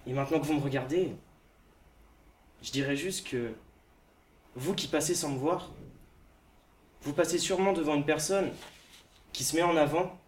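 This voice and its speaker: A man's voice: a little high, normal speed, long pauses. A man performing a spoken-word poem with an intense, confiding address to the listener. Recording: roomy, mic at a distance.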